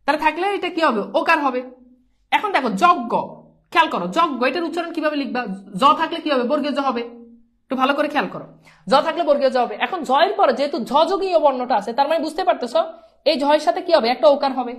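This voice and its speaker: A woman's voice: high-pitched, quick pace, a bit bright. A woman teaching a live online grammar lesson, quizzing her students and repeating each pronunciation several times. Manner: sprinkles English words into speech.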